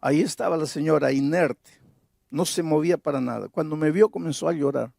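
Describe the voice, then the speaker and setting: A man's voice: on the high side, a little fast, vocal fry, a little mellow, dry recording, studio quality. A man preaching a sermon as pastor, telling a story and then building to fervent, emphatic exhortation.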